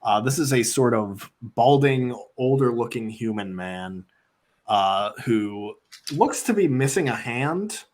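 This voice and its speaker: A man narrating as the game master of a tabletop game, relaxed and rambling with many fillers. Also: medium pitch, slow.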